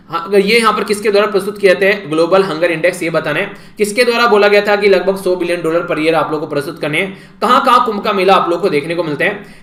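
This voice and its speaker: A man's voice: high voice, a bit bright, reverberant. A man with an Indian accent teaching current affairs in a casual, chatty lecture and talking straight to his students. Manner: chatty, addresses students directly with "yaar". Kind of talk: casual Hindi lecture recap.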